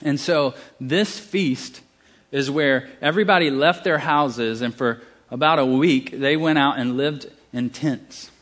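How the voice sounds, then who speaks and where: A man's voice: medium pitch, a little slow, fairly bright tone. A man with a Southern US accent preaching a sermon, emphatic, with casual asides and restarts.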